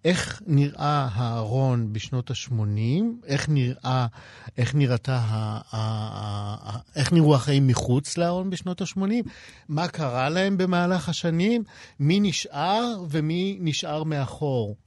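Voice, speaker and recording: A man's voice: fairly high pitch, a little mellow, no echo, clean studio sound. A man talking about a novel on a radio show, hesitant, with many fillers and restarts. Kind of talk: radio discussion.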